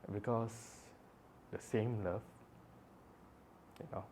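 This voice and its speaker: A man's voice: on the low side, steady tone, dark tone, a little hiss or hum. Emotional young man. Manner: halting, rambling, with many fillers and restarts; emotional and apologetic. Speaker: vlogger. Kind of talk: personal storytelling monologue.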